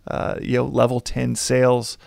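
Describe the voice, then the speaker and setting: A man interviewing a guest in a casual chat, speaking in a measured way. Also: medium pitch, monotone, vocal fry, a little mellow.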